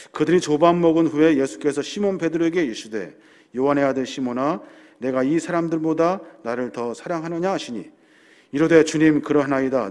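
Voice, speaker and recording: A man's voice: fairly high pitch, a little mellow. A man preaching a sermon as senior pastor, earnest and explaining, building up to emphatic passages. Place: church sanctuary hall. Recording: long church hall reverb.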